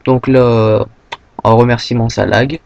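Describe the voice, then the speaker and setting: A young man from France giving a casual, rambling software tutorial, full of fillers and a habit of saying "hop" as he clicks. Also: mid-range voice, little pitch movement, takes it slowly, creaky, highs cut off, a little hiss or hum. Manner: rambling, filler-heavy, says "hop" often. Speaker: tutorial maker.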